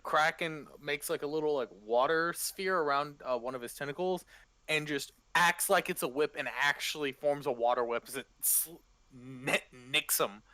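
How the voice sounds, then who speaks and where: A man's voice: fairly high pitch, normal speed, sharp tone. A man running a tabletop game as game master, narrating off the cuff in a casual, chatty way.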